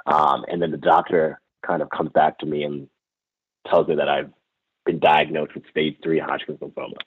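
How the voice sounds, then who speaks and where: Over a tinny phone line, a young man who played college lacrosse tells his story as an interview guest. His bass voice is flat, slightly rough, and moderately paced with no echo, and he sounds reflective, full of fillers and restarts.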